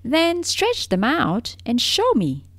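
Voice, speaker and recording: A woman voicing a lively wild rabbit who talks in a mocking, boastful way. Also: sits high, takes it slowly, no echo, pitched above the performer's own voice, heavily acted. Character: lively wild male rabbit, teasing and proud.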